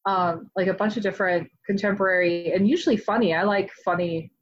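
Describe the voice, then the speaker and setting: Woman author, chatty and animated, mid-pitch voice, slightly muffled lo-fi sound. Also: brisk. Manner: chatty and animated, many "like" fillers. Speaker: author being interviewed. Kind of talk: casual interview chat.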